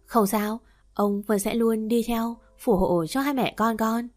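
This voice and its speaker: A woman's voice: on the high side, steady tone, unhurried, a little mellow, faint music behind, lightly acted. A woman reading as a kindly old grandfather. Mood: gentle urging. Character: gentle old grandfather spirit, kindly and firm.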